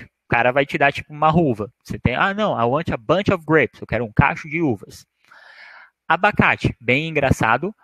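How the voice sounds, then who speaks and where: A man's voice: medium pitch, a bit bright, dry recording, rough recording. A man whose first language is Portuguese, teaching a vocabulary lesson and repeating each word with careful emphasis. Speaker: English teacher.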